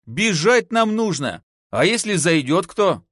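A man's voice: sits high, very animated, unhurried, fairly bright tone, dry recording, clean studio sound, voice pushed up, exaggerated voice. Man doing a whiny, fretful young sidekick. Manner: whining, fretful.

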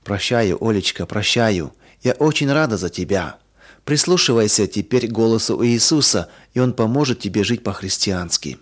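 A man voicing a kind elderly woman, a church teacher, speaking softly and soothingly. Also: on the low side, animated, moderate pace.

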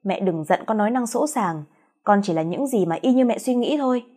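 A woman voicing a cool, sharp-tongued young wife in a storybook reading, speaking with cutting sarcasm. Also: medium pitch, expressive, a little fast, breathy edge.

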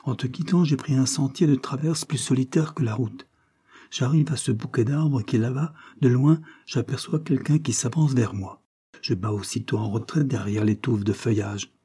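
A man's voice: fairly low pitch, normal speed, mellow, breathy edge. A man reading an agitated young fugitive. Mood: agitated, insistent. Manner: urgent, agitated, insistent.

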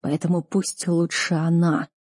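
A woman plays a broken older duke, sobbing and worn out, his words slow, heavy and at times barely whispered. The voice is dark and mellow, recorded close and dry. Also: fairly high pitch, little pitch movement, husky, no echo.

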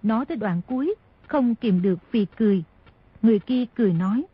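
A woman narrating a martial-arts novel as an audiobook, telling the story at a steady pace. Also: fairly high pitch, fast talker, breathy edge. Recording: dry, dull lo-fi audio.

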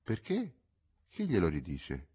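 A man's voice: low voice, huge pitch swings, slow pace, dark tone, slightly rough, full character voice. Man doing an impatient young master.

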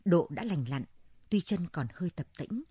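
Woman storyteller, low dark voice, husky, measured and dramatic, dry sound. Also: animated, no room sound. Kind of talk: scripted story narration.

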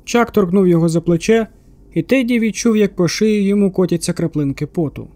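A male audiobook narrator with a fairly high voice, telling a tense story. His reading is steady and measured, carrying the scene forward without hurry. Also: dry recording.

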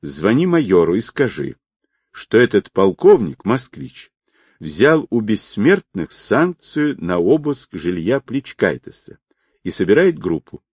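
A man voicing a calm, controlled colonel who gives quiet orders. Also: lowish voice, a little slow, slightly rough, dry recording, full character voice. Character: calm, authoritative male colonel.

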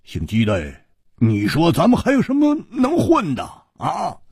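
A man voicing a brash, boisterous swordsman who stammers with excitement in a dramatized story reading. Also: low voice, a little slow, husky, dry recording, clean studio sound, pitched below the performer's own voice, exaggerated voice. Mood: exasperated.

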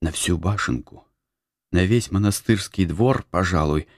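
A man with a very deep voice reads a novel aloud, telling it with dramatic expression. The recording is dry and close to the mic, with no room echo. His delivery stays that of a storyteller. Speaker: audiobook narrator. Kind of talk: scripted narration.

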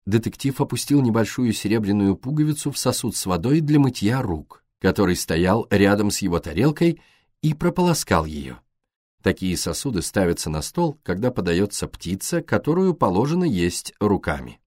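An audiobook narrator reads a scripted book aloud in a calm storytelling manner, his voice lowish and his pace moderate. The studio-quality recording has no echo.

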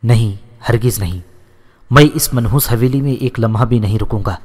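A man's voice: mid-range voice, close to an everyday voice. A man voicing a young landlord's son who answers his father firmly and steadily, in a storybook reading with a long reverb. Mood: defiant. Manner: firm, steady, unshaken.

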